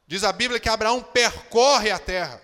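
Male pastor, sermon, high bright voice, impassioned, long hall reverb. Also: normal speed. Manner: impassioned preaching, acts out prayers and God's words.

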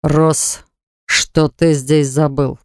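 A man's voice: fairly high pitch, level tone, slow, clear, resonant tone, no room sound, studio quality. A reader voicing a cold, commanding male mage lord in an audiobook, speaking in a curt, icy, authoritative way. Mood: stern. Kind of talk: audiobook character voice.

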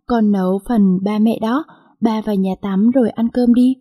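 A woman's voice: on the high side, fairly even intonation, moderate pace, warm tone, slightly rough. A woman voicing a sweet, affectionate ten-year-old girl in a storybook reading, with an eager, childlike manner. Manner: eager, tearful when frightened.

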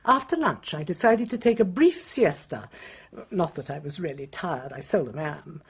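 A woman's voice: low-pitched, lively intonation, moderate pace, husky, exaggerated voice. An actress playing an imperious, self-important English lady with an upper-class accent, haughty and opinionated in a radio drama. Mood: haughty certainty.

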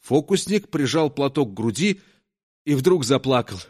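A man reading a story aloud as narrator, in a lively, acted-out way. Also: mid-range voice, normal speed, husky.

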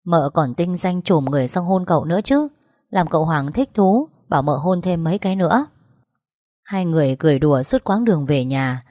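Low-voiced woman reading a story. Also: no echo, studio quality. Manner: steady, expressive reading. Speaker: narrator. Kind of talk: scripted storybook narration.

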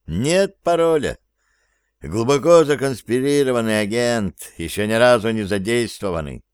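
A man voicing a rough, roguish male bandit who talks of his secret agent. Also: medium pitch, animated, normal speed, dry recording, studio quality, natural voice.

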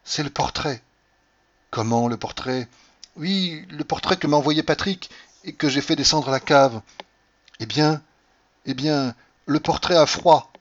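A man's voice: fairly high pitch, unhurried, long pauses, pitched above the performer's own voice. A man reading an audiobook, voicing a young wife who is feverish and shivering and talks in a teasing, coaxing manner. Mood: uneasy. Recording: dull lo-fi recording.

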